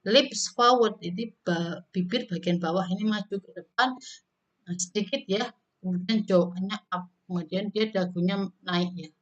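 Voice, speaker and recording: In a casual recorded English pronunciation lesson, a woman loudly models each sound and repeats it, adding friendly filler tags. Her voice is medium-pitched and moderately paced, and the audio sounds dull.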